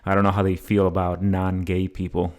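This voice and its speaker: A man's voice: low voice, completely flat delivery, a little fast, darkish tone. A young man hosting a podcast, chatting casually with many hesitations and restarts. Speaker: podcast host. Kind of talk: casual conversation.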